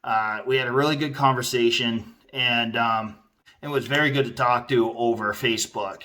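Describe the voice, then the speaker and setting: Guy doing a laid-out casual review vlog, sharp bright voice, chatty and kinda rambly. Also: mid-range voice. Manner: rambling, conversational, informal. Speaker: product reviewer.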